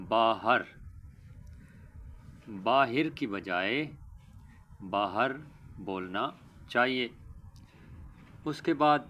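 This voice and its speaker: A man teaching a pronunciation lesson, speaking deliberately and stressing each corrected word. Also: mid-range voice, a bit bright, a little hiss or hum. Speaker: Urdu teacher.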